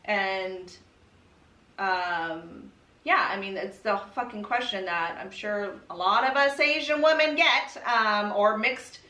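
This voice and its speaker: A young American woman from California, a podcast guest sharing her personal story, talks candidly and casually, her speech full of swearing, "like" and "you know". Her voice is medium-pitched, bright and forceful, and she speaks slowly. She sits some distance from the mic, so the recording has a roomy echo.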